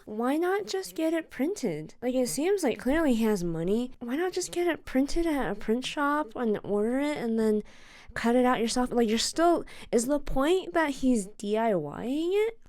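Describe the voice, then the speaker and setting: Casual female reaction streamer, slightly high voice, expressive and questioning. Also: measured pace. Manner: expressive, musing aloud in questions.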